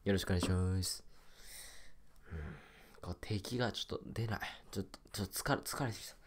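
A young man with a low, slightly fast voice rambles casually while playing a mobile game, muttering and repeating little phrases to himself.

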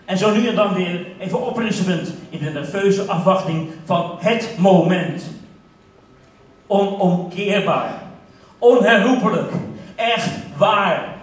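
Slow dramatic man declaiming in a theater. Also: high voice. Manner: swings between hushed and loud declamation. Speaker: stage speaker. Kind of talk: dramatic poetic recitation. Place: theater stage with audience. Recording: echoey theater, mic from far off.

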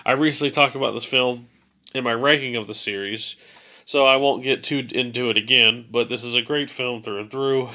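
A man's voice: medium pitch, steady tone, normal speed, sharp tone. A man hosting a movie ranking video in a casual, enthusiastic way, sounding a little stuffy from a cold. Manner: enthusiastic, gushing praise. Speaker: movie list video host.

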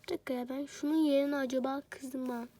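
Chatty high-voiced woman, slightly sick. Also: fairly even intonation, fairly quick, mellow, dry recording. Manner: chatty, rambling self-talk with jokes. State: sick, voice a bit off. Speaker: game streamer. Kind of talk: casual gameplay commentary.

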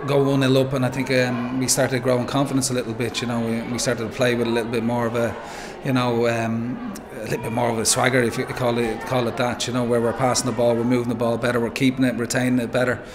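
A man in his forties with an Irish accent, a football manager giving a measured post-match interview, full of "um" and "you know". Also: mid-range voice, level tone, noisy background. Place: pitchside interview backdrop, noisy. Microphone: handheld interviewer mic.

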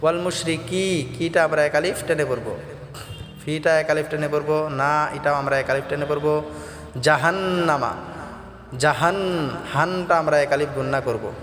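A man teaching recitation, alternating slow melodic chanting with quick spoken explanations of pronunciation. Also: on the high side. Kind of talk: Quran recitation lesson with chanted verses. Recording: echoey reverberant room with soft music.

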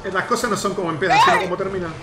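A man giving excited gameplay commentary, coaching his teammates and shouting at big plays. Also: sits high, racing, very noisy. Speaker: gaming YouTuber host. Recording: roomy sound with game music. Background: game music.

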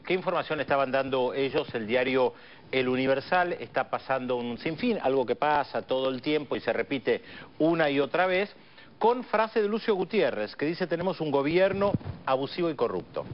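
Male news analyst, middle-aged, Argentine accent, mid-pitched, slightly muffled broadcast audio. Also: lively intonation, moderate pace. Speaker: international affairs analyst on TV news. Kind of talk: live news commentary. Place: TV news studio.

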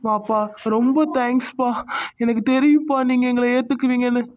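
A man's voice: very high-pitched, fairly even intonation, a little fast, highs cut off. A man voicing an earnest young son in a cartoon, explaining himself to his parents. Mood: grateful. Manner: earnest, eager. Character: young son, nervous then grateful.

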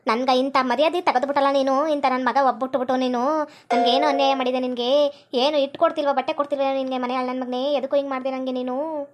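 A woman's voice: sits high, fairly even intonation, quick pace, slight background noise, lightly acted. A woman in her forties with a North Karnataka Kannada accent, playing a distraught village nurse-mother who scolds her son in a skit. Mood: wailing. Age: 40s. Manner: wailing, scolding, repeated rhetorical questions.

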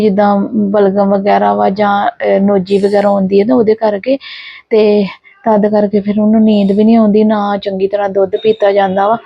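A woman's voice: mid-range voice, highs cut off. A sleep-deprived mother, chatting casually in a family vlog, tired and worried and full of fillers and restarts. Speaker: vlogger and mother.

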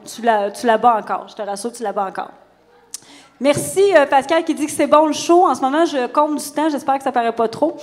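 A woman's voice: sits high, a little mellow, long reverb tail. A Québécois woman hosting a live stage talk show, bubbly and teasing, laughing easily. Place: stage before a live audience.

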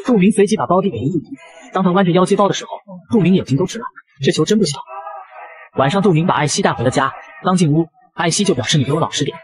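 Rapid-fire male manga recap narrator. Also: high voice, animated. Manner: brisk, breathless storytelling.

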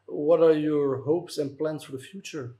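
A man's voice: on the high side, steady tone, measured pace, warm tone. A man as interviewer, asking short direct questions.

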